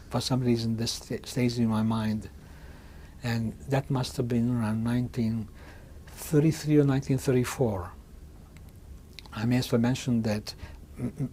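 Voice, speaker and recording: A man in his sixties from Hungary, giving oral history testimony in a halting way, often restarting and repeating words. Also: mid-range voice, darkish tone, slight background noise. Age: 60s. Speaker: interviewee.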